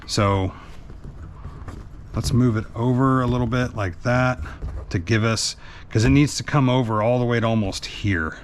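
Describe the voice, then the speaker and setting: A man's voice: medium pitch, unhurried, pauses often, slight background noise. A man giving a casual hands-on tutorial in a plainspoken way, thinking aloud as he works. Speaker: host and truck driver demonstrating an installation.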